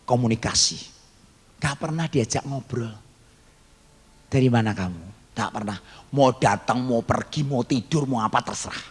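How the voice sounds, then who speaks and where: A man's voice: medium pitch, moderate pace, slightly rough. A male pastor preaching a storytelling sermon, acting out the voices in his stories and joking with the congregation. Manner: dramatic, acts out quoted voices, jokes with the congregation. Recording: long hall reverb, faint background noise.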